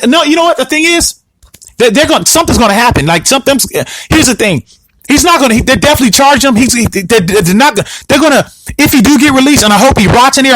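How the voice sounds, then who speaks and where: A man's voice: very high voice, a bit bright, dry recording, poor audio. A man hosting a solo podcast, ranting heatedly and repeating himself. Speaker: podcast host.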